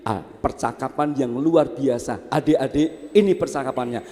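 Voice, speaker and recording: A male preacher giving a storytelling sermon, animated, with asides to the audience. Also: mid-range voice, normal speed. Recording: long hall reverb.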